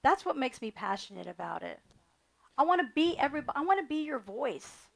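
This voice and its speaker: A middle-aged woman running for county attorney speaks briskly in a high, sing-song, gravelly voice. Her interview answers are earnest and repetitive, leaning on campaign phrasing.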